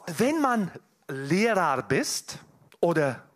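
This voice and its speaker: A man's voice: high-pitched, sing-song, extremely slow. A man preaching a sermon at a church service, talking earnestly to the congregation, often restarting his sentences. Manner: earnest, with frequent restarts and direct address to the congregation.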